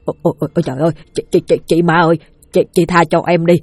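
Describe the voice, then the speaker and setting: A woman's voice: fairly low pitch, flat delivery, very fast, slightly rough, no echo. A woman voicing a cowardly, bragging older village man who stammers and pleads. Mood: pleading.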